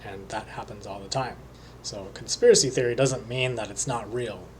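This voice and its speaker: A man talking alone as a psychic reader, slowly and hesitantly, with many pauses and fillers. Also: fairly low pitch, slight background noise. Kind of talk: solo monologue.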